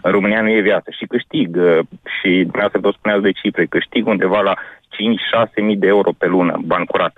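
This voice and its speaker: A man's voice: lowish voice, steady tone, no echo. A man calling in to a radio show, talking insistently and repeating himself. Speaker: caller. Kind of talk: phone-in call. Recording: tinny phone line.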